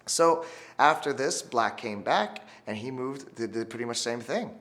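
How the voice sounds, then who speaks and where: Animated male chess teacher. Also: mid-range voice, measured pace. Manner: animated storytelling, call-and-response. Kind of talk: instructional video for teachers.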